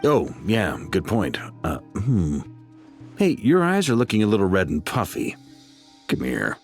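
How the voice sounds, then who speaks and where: A big-hearted knightly leader with a very deep voice that still swings lively up and down. He sounds jovial and hearty. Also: unhurried, soft background music, exaggerated voice. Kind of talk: video game voice acting.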